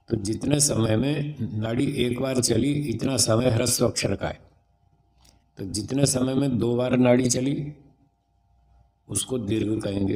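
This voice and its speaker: A man with a fairly low, gravelly, warm voice speaks as a swami and spiritual teacher. In a religious discourse on raising children, he explains things patiently and sounds out syllables to demonstrate them.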